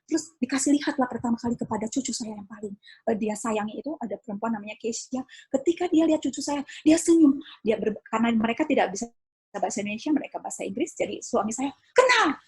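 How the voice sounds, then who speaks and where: High-pitched older lady telling her testimony, gets teary and pleads a lot. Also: fast, dark tone, husky. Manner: cries out and pleads when reliving moments. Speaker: pastor's wife giving a testimony. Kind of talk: emotional personal testimony.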